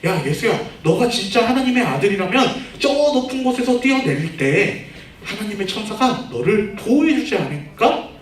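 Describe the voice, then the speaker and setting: A man's voice: high-pitched, lively intonation, normal speed, pitched above the performer's own voice. A sly devil of a children's Bible story, mocking and coaxing as he dares his target, put on by a man. The tone rises and falls freely. The voice rings through a roomy space away from the microphone. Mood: taunting. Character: taunting male devil tempting Jesus. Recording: echoey room, far from the mic.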